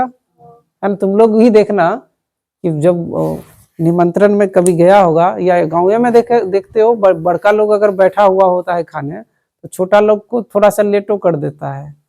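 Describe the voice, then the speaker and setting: A woman's voice: medium pitch, dark tone. A woman teacher, explaining a reading lesson to a classroom of children, patient and repetitive, constantly checking whether they have understood. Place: classroom with pupils.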